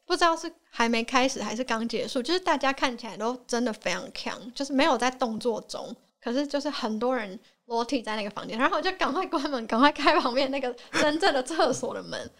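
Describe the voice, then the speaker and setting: A woman's voice: high voice, quick pace, hardly any pauses. A young woman with a Taiwanese Mandarin accent, a podcast guest telling stories in casual chat and acting out the people she quotes. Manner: animated storyteller who acts out quoted people.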